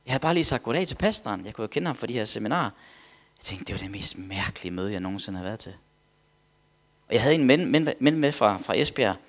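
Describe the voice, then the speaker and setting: Man, preacher, animated storytelling, sudden whispers. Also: on the low side. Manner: animated storyteller, drops to whispers, acts out quotes. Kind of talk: sermon testimony storytelling.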